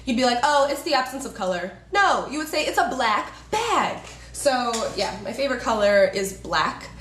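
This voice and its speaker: A woman's voice: fairly high pitch, very animated, moderate pace, fairly bright tone. Chatty young woman in an echoey room. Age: 20s. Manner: chatty, jokey, laughs often. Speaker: beauty vlogger. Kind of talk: casual chat to camera. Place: indoors, a room in Los Angeles.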